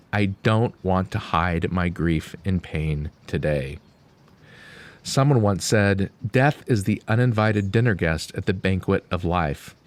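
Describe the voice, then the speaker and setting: Grieving man reading a solemn eulogy, lowish voice. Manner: slow, deliberate, grieving, with pauses. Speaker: son giving a eulogy. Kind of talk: solemn eulogy read aloud from a written text.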